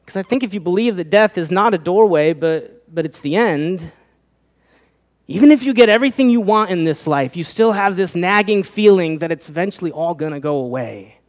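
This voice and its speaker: A man's voice: sits high, animated, fairly quick. A pastor preaching a sermon, asking his listeners rhetorical questions, his voice rising and falling. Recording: long reverb of a hall.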